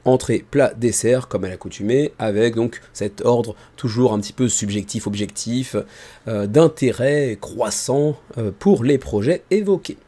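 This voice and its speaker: A man presenting a show casually and informally, keeping his tired voice low and soft, close to the microphone. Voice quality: tired voice, held back to spare it. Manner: informal, chatty, self-deprecating. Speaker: host of a board game crowdfunding video show. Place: small room indoors. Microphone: microphone about ten centimetres from the mouth.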